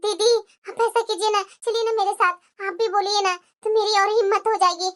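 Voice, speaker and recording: A woman's voice: very high voice, fairly even intonation, fairly quick, a bit bright. A woman voicing a put-upon young daughter-in-law in a cartoon, pleading and complaining. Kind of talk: cartoon voice acting.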